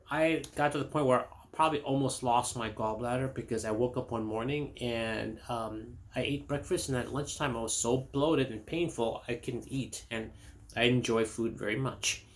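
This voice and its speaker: Talking to camera about health, a middle-aged chiropractor from Indonesia wanders off track, filling his speech with fillers, restarts and personal anecdotes. He speaks at a medium pitch.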